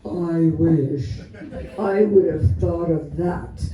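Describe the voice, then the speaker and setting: With a voice on the high side and drawn-out words, a US man in his seventies introduces a speaker at a community gathering. He reads prepared remarks as the host, delivering them with dry humor. A distant mic captures a roomy sound with faint noise.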